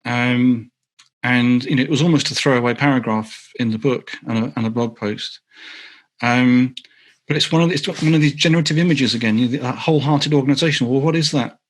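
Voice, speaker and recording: North London male author on a video call, mid-pitch, loose rambling Q&A delivery. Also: a little fast. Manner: rambling, self-correcting, lots of ums. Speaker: guest speaker, author. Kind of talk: online meetup Q&A answer.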